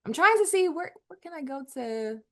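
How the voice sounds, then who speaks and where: Lively, bright-voiced woman hosting a webinar. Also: high-pitched, moderate pace. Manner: animated, repeats herself, calls people girl. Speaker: webinar host. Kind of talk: casual webinar chat with attendees.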